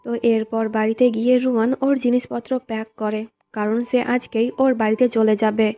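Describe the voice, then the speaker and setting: A woman's voice: fairly high pitch, flat delivery, normal speed, warm tone, faint music behind. A woman narrating and recapping the plot of a drama in a plain storytelling way, reading the characters' lines in her own voice. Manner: plain recounting, reads quoted lines in the same voice.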